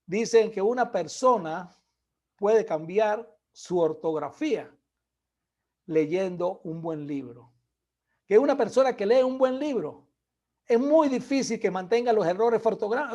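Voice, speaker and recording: A man preaching a sermon, earnestly exhorting his listeners and calling them brothers, dropping to a soft low voice on asides. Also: vocal fry.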